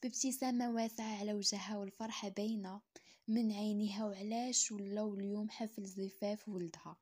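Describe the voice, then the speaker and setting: Quick, husky Moroccan woman storyteller. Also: mid-range voice, steady tone, a little mellow. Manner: often slips into a whisper. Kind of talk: dramatic story narration.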